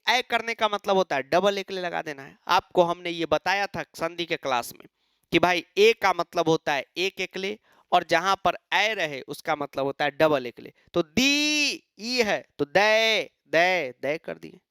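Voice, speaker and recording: Guy teaching exam prep, asks himself stuff then answers, crisp voice no room echo. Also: sits high, normal speed, studio quality. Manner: animated, asks and answers his own questions; mimics students' replies.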